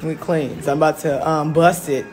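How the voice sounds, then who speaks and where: A woman's voice: deep voice, fairly even intonation, moderate pace, over music. A woman in her thirties chatting casually on a phone livestream from her home kitchen, rambling and laughing easily. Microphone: phone held close.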